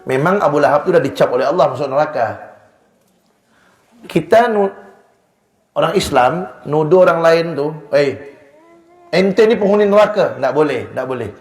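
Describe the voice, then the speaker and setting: A man teaching an Islamic study sermon in a lively way, booming at some points and dropping to a hush at others. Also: normal speed, long pauses, roomy sound. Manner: animated, shifts between loud emphasis and hushed low lines. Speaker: religious teacher. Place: Islamic boarding school hall.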